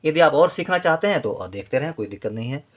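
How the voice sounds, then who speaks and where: A male teacher giving a spoken handwriting lesson, reading phrases slowly and spelling out each syllable with its vowel sign. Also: fairly high pitch, animated. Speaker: Hindi writing teacher.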